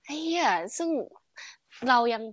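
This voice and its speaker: A woman's voice: slow, a bit bright, no room sound. A woman co-hosting a casual chat podcast, talking bluntly with slang and frequent laughter. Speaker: podcast co-host.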